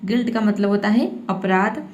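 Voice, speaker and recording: A woman teaching English pronunciation rules step by step, often adding a quick "theek hai" to check in. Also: medium pitch, fairly even intonation, darkish tone, reverberant, muffled recording. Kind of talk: spoken phonics lesson.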